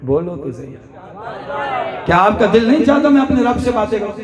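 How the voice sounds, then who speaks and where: A man preaching a sermon to a live gathering. He moves between soft, low asides and shouted climaxes and keeps asking the audience questions. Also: sing-song. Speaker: Islamic preacher. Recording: live crowd audible behind.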